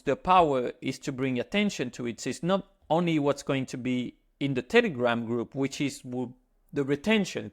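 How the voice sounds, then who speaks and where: A man speaking English with a French accent, his voice sitting a little higher than most men's. He talks straight to his viewers in a loose, chatty monologue. He drops in teasing, self-mocking jokes along the way. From France. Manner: joking, self-mocking asides. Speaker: finance YouTuber. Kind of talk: casual self-filmed monologue to camera.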